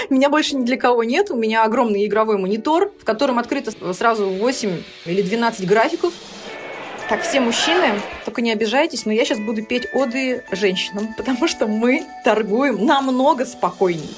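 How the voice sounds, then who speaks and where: A woman in her thirties from Saint Petersburg, a trader telling her story as a podcast guest, lively and laughing often. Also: a little high, a little fast, faint music behind. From Saint Petersburg, Russia. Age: 30s.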